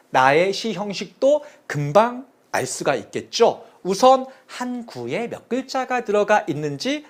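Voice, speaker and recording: A male teacher delivering a lecture at an unhurried, deliberate pace. His pitch rises and falls widely as he counts aloud and repeats key terms in a sing-song way so they stick. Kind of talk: classroom lecture on Chinese poetry.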